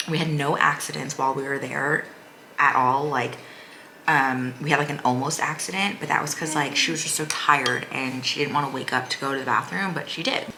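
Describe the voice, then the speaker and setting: A woman's voice: sits low, pushed and bright, a little hiss or hum, poor audio. A woman vlogger giving a casual, chatty recap in a rambling, informal way full of "like". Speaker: vlogger, mother of a young child.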